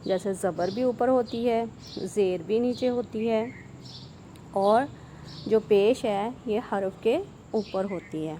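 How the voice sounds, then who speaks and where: A woman gives a patient recitation lesson, addressing her student directly. She draws out each drilled syllable slowly and carefully, then rushes through her explanations. Her pitch sits in an ordinary middle range, with a faint hiss of room noise behind her. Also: mellow. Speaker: Quran reading teacher. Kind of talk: online Quran pronunciation lesson.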